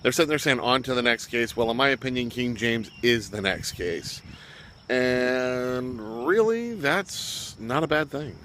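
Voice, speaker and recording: A man's voice: medium pitch, expressive, unhurried, a bit bright, slight background noise. A man talking casually as he reviews a web series episode, rambling with fillers and throwing in jokey asides. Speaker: show reviewer.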